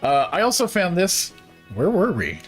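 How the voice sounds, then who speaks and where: A man's voice: high voice, wildly swooping pitch, normal speed, soft background music. Playful rambling man hosting a stream. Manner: rambling and playful, with lots of filler. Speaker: streamer host. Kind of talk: casual live-stream chat.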